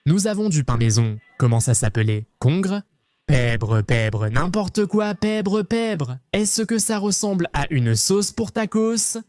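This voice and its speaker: Male travel vlog host, playful and jokey, warm voice, dry close sound. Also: high voice, very animated, slow pace, no echo, faint music behind. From Argentina.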